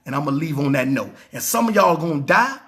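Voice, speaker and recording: A man's voice: fairly high pitch, lively intonation, fast talker, fairly bright tone. A man preaching a scripture sermon in an emphatic, colloquial manner, firing off rhetorical questions and repeating his points. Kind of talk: street-style sermon on scripture.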